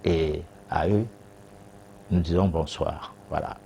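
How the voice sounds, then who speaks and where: A man's voice: extremely low pitch, fairly even intonation, slow pace, creaky, dark tone, slight background noise. A man, a guest expert on a TV talk show answering viewers' questions, hesitant with many fillers and restarts.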